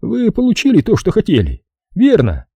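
A man reading an audiobook, voicing a cold, domineering male casino boss who speaks calmly and curtly. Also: high voice, normal speed, slightly rough, no echo, voice pushed up, full character voice. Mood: menacing. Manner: calm, menacing and curt.

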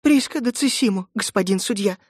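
A man's voice: very high-pitched, monotone, moderate pace, dark tone, breathy edge, no echo, pitched above the performer's own voice. A man voicing a poor mother who pleads with a judge, close to tears. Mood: pleading.

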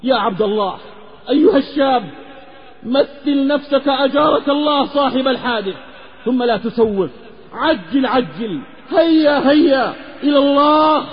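High-pitched impassioned preacher in echoing hall. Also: male voice, moderate pace, breathy edge. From Hijaz, Saudi Arabia. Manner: impassioned, half-chanted delivery. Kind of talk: Islamic sermon with a moral tale. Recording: lecture recording with long reverb, slightly dull.

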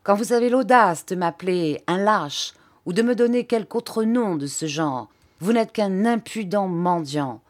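Woman reading a haughty, sneering schoolboy, slow and measured. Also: medium pitch, expressive, close to an everyday voice. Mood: contemptuous. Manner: cold, disdainful. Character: arrogant, cold adolescent schoolboy.

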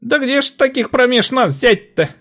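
A man voicing a loud, shrill middle-aged woman trader at a market in an audiobook. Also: animated, moderate pace, heavily acted. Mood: brash shrill. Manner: shrill, brash, squealing laughter.

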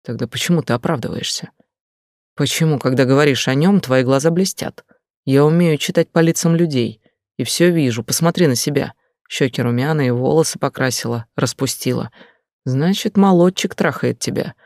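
A man voicing an angry, jealous middle-aged husband who accuses and shouts harshly in an audiobook. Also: mid-range voice, normal speed, dry recording, clean studio sound, lightly acted. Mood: accusing.

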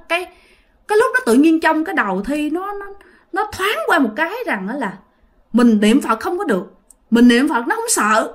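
A woman with a Southern Vietnamese accent telling her own ghost story dramatically, speaking straight to her listeners. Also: high voice. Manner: dramatic, emphatic, addresses listeners directly. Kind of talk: first-person ghost story told to listeners.

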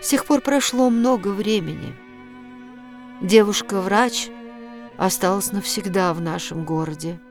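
A woman narrating a story in a measured, expressive reading. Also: mid-range voice, faint music behind. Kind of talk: audiobook narration.

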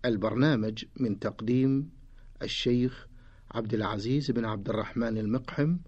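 A man's voice: mid-range voice, fairly quick, a little mellow, slightly rough. A man reading a formal scripted radio program announcement in standard Arabic. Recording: dull lo-fi radio sound.

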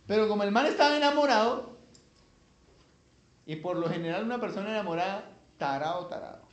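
A man's voice: high voice, a little fast, slight background noise. A man preaching a humorous sermon to young people, telling the story with jokes and sound effects. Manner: animated storytelling, jokes, acting out voices. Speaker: pastor. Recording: roomy echo.

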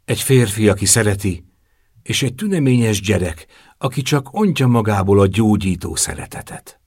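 A man reading the lines of a tearful, kind young woman in an audiobook, softly and gently. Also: fairly low pitch, lively intonation, breathy edge, no room sound, studio quality. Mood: tender.

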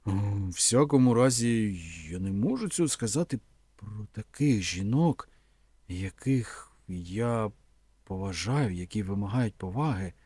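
Shy, hesitant young man, husky and dry, as read by a man. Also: on the low side, animated, a little slow, mellow, no echo. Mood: flustered. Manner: hesitant, curt replies.

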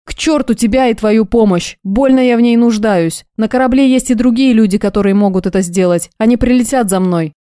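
Woman playing a furious young heroine, high, loud, shouting, audiobook. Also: brisk, hardly any pauses, dry recording, clean studio sound, close to an everyday voice.

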